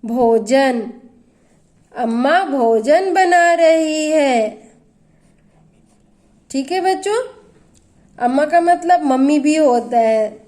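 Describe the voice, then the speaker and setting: A woman's voice: high-pitched, dark tone. A woman teacher giving a grammar lesson to children, explaining patiently and asking them questions as she goes.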